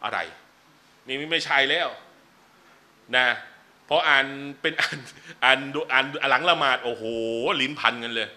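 A man teaching a relaxed religious class, chatting with joking asides between numbered teaching points. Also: mid-range voice, normal speed. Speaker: Islamic teacher. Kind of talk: casual religious lecture. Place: lecture venue.

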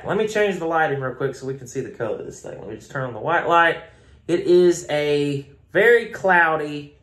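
A man's voice: medium pitch, fairly bright tone. Chatty Southern man reviewing beer. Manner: chatty, rambling, self-mocking. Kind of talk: casual review vlog. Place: home room. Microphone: phone camera.

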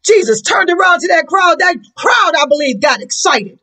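A woman's voice: very high-pitched, animated, normal speed, pushed and bright, poor audio. An American woman pastor preaching a sermon with passion, her voice breaking and crying out on the key words.

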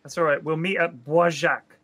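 A man's voice: on the high side, steady tone, brisk, a bit bright. A man co-hosting a gaming stream, teasing and swearing in casual banter over a headset mic. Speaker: gaming channel co-host.

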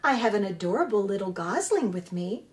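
A woman voicing a polite, literal-minded female robot who speaks in a flat, measured, formal way in a storybook reading. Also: medium pitch, natural voice.

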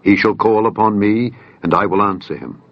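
A man reading scripture aloud as a voice-over, slow, solemn and measured. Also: lowish voice, no room sound. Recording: dull dry voice-over.

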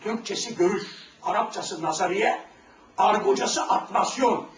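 A man telling religious stories and anecdotes to young listeners, animated and often raising his voice to a shout, retelling exchanges in quoted dialogue. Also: very high-pitched, moderate pace. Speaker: religious storyteller giving a talk. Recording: roomy, distant mic with background noise.

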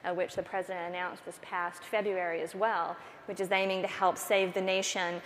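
A woman's voice: fairly low pitch, level tone, normal speed. A woman in her thirties, a federal official on a panel, talking fluently with frequent fillers. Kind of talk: panel discussion. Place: large auditorium stage. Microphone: lapel. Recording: hall reverb, faint room noise.

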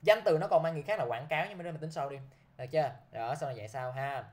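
A man's voice: on the high side, very fast, darkish tone. A man teaching English vocabulary to a class, who keeps checking with his students by repeating a short prompt.

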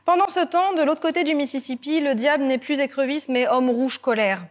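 Woman, storyteller, folk tale, expressive, dramatic pauses, bright higher voice, guitar music behind.

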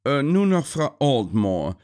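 A man's voice: medium pitch, sing-song, slow, darkish tone, pitched above the performer's own voice. Guy voicing a polite hotel clerk, umming and hesitant. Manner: hesitant with fillers.

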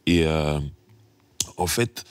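Low-voiced man telling lively anecdotes. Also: very slow, smooth, no echo. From France. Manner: lively storyteller, acts out dialogue, chuckles often. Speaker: rapper, interview guest. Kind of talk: casual interview anecdotes.

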